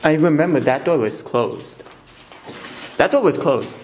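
A man's voice: fairly high pitch, expressive, unhurried, a little mellow. Casual man exploring, noisy handheld recording. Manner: informal, swearing, muttering to himself. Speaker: urban explorer filming a vlog. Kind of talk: casual, unscripted exploration chat. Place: abandoned building and its overgrown grounds. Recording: handheld recording with clear background noise.

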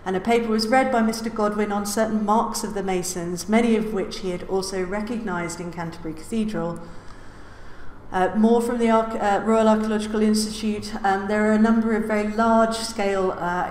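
A woman's voice: medium pitch, steady tone, a little fast, a little mellow. A woman giving a public lecture from a lectern, with many "uh"s and the odd wry aside. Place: lecture hall. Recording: roomy lecture hall reverb, faint hiss.

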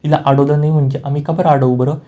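A man voicing a calm, firm elderly family patriarch within a spoken serial recap. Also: on the high side, rapid-fire, lightly acted.

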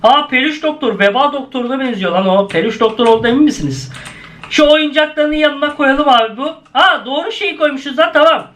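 Bright, high-voiced male gaming YouTuber, excitable and prone to shouted exclamations. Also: fairly quick, a little hiss or hum. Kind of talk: gameplay commentary.

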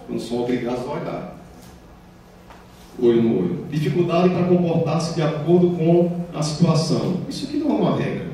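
A man's voice: fairly high pitch, warm tone. A man from Paraíba, a child psychiatrist with a Paraíba accent, giving an explanatory lecture in a municipal hall and acting out quoted children and parents. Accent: Brazilian Portuguese, Paraíba. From Paraíba, Brazil. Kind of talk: public health lecture. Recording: very echoey hall from far off, faint noise.

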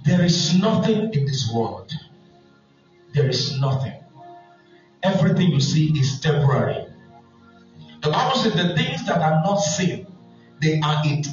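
A pastor with a Nigerian accent delivers a sermon in a high voice and mixes humorous stories into his preaching. He is heard from a distance in a strongly echoing church hall. The sound is dull and muffled, and soft music plays underneath. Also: sing-song, a little slow, long pauses.

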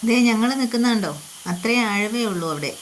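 A woman's voice: a little high, animated. A woman narrating a casual travel vlog, mixing English words into her Malayalam. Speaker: travel vlogger. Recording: noisy outdoors, loud rushing water hiss.

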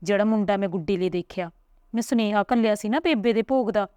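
Lady playing a pushy aunty rushing her words, dry close mic. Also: medium pitch, darkish tone, clean tone, no echo, close to an everyday voice. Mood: insistent. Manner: hurried, pressing. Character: scheming middle-aged aunt, quick and insistent.

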